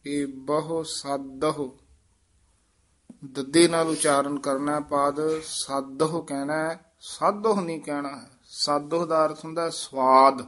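A man teaching how to recite scripture, chanting verses slowly and then explaining pronunciation and pauses in quicker asides. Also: fairly high pitch, little pitch movement, fairly bright tone.

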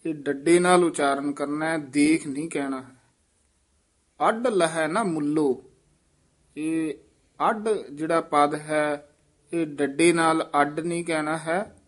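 A man leads a recitation lesson at an unhurried pace, his voice sitting a little high for a man. He chants each phrase back and then explains where to pause and how to shape each sound. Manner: slow, patient, instructive, chants phrases back. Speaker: Gurbani pronunciation teacher.

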